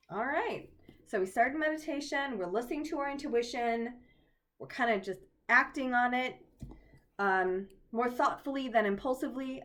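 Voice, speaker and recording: A woman reading a story aloud while guiding listeners through a meditation. Her voice sits a little high and moves up and down a lot. She keeps stepping away from the text to make playful jokes. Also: a bit bright. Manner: playful, laughs at her own asides. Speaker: oracle card reader and storyteller. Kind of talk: casual reading and meditation guidance.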